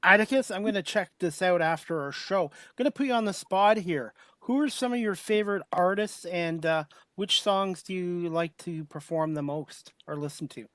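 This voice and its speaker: A man's voice: high voice, moderate pace, hardly any pauses, fairly bright tone, dry recording. An upbeat man hosting an online talk show, putting questions straight to his guests. His voice sounds dry and close, with little room around it. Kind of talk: casual interview chat.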